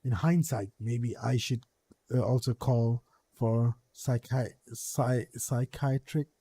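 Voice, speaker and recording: A man with a mellow, dark voice reads game text aloud in a casual way. He trips over longer words, repeats them and starts again. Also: mid-range voice, slow, breathy edge. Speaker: streamer reading a story game aloud.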